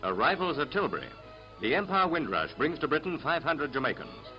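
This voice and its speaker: A man's voice: a little high, big pitch swings, fairly quick. A man narrating an old newsreel in an upbeat announcing tone, heard from a period newsreel soundtrack. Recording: dull lo-fi 1940s newsreel sound with music.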